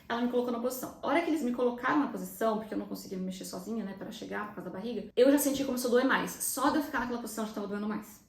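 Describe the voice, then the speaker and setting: A woman's voice: fairly high pitch, reverberant. A young Brazilian woman with a Brazilian Portuguese accent telling viewers a personal story in a chatty vlog style, emotional and close to tears. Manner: chatty, fast, often addresses viewers directly. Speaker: vlogger recounting her birth.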